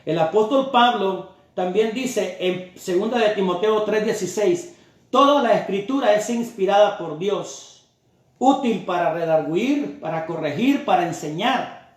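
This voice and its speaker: A man's voice: sits high, expressive, a little slow. A man preaching a sermon with an emphatic, repetitive cadence. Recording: very echoey room.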